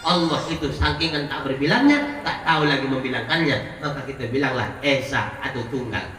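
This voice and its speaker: A man's voice: medium pitch, a little fast. A man preaching a sermon in a mosque, telling stories and acting out voices, with a local lilt. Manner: storytelling, acting out dialogue with animated voices. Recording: echoey hall, voice from far off.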